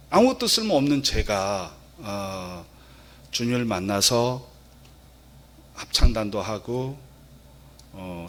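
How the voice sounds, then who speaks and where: A man giving a sermon as a lay preacher, speaking softly and hesitantly with many fillers. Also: on the low side, a little hiss or hum.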